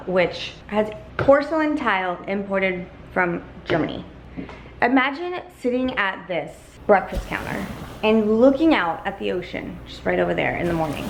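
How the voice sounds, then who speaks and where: A woman's voice: medium pitch, animated, unhurried, creaky, slight background noise, poor audio. A woman real estate agent presenting a property tour in a gushing, admiring sales manner.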